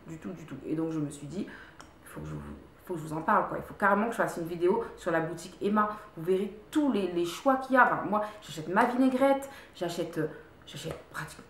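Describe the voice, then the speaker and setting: A woman's voice: lowish voice, echoey room, slight background noise. A woman vlogger casually reviewing her favorite products at home, chatty, repeating words and stopping to restart often. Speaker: beauty vlogger. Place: room at home.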